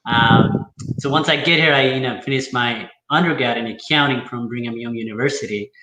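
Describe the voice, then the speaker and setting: A man's voice: mid-range voice, fairly quick, reverberant, background noise. A man from Nepal, a guest accountant talking casually and hesitantly with many fillers. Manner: hesitant, lots of fillers and restarts. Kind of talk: casual interview talk.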